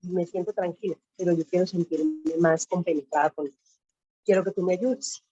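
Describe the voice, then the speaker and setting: A woman talking excitedly and emotionally about her faith on a video call from her office. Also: on the low side, moderate pace, dull audio, faint music behind. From Colombia. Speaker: caller sharing testimony. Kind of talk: emotional personal testimony. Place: home office.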